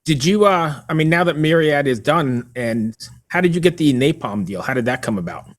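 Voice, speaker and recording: Higher-pitched male podcast host. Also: expressive, moderate pace. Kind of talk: casual interview.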